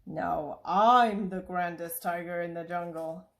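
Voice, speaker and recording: A woman voicing a greedy, boastful jungle tiger in a storybook read-aloud, speaking slowly. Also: fairly low pitch, vocal fry, a little hiss or hum.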